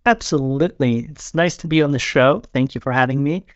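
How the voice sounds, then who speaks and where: A man's voice: mid-range voice, a little fast, dry recording, highs cut off. A man from Sweden, a podcast guest, talking casually and often repeating words as he restarts. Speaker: guest, company founder.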